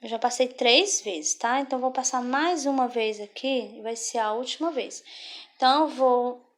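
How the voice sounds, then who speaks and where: A woman's voice: a little high, normal speed. Patient woman teaching a craft. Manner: patient, checks in often with the viewer. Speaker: craft instructor. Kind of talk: step-by-step craft tutorial.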